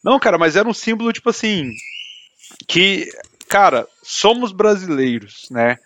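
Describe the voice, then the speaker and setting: A man's voice: sits high, lively intonation, normal speed, a bit bright, a little hiss or hum. A man in casual podcast chat, talking in a heated, indignant way and filling his speech with slang.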